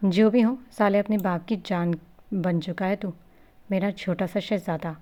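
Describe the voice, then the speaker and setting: A woman's voice: mid-range voice, fairly even intonation, a little slow, dark tone, close to an everyday voice. A woman reading the part of a young husband who teases and grumbles, in a storybook reading. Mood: teasing. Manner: teasing, grumbling.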